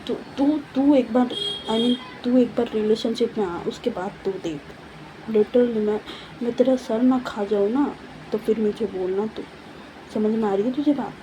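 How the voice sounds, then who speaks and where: A woman voicing a shy, lovestruck young woman who talks in hesitant, halting bits and mixes in English words. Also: a little high, noisy background, close to an everyday voice. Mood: bossy, scolding.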